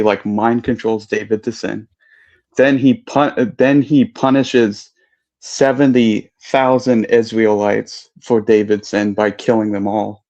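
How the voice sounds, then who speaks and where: A man calling into a debate stream who speaks in a hesitant, halting way, full of fillers. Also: lowish voice, a little mellow. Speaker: caller. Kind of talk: casual debate chat. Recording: dull lo-fi call audio.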